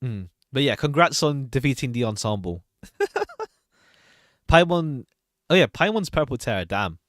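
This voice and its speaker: Lively-pitched man chatting on a livestream. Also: unhurried, no room sound, studio quality. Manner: chatty, hesitant, thinking aloud. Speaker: streamer reacting to game trailers. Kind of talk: casual livestream commentary.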